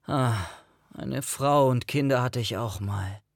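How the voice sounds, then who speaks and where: A man's voice: medium pitch, slow pace, creaky, dry recording. A man voicing a suspicious, weary man in his sixties who speaks curtly and with dry resignation. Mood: curt, bitter. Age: 60s. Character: gruff, suspicious, weary man past sixty.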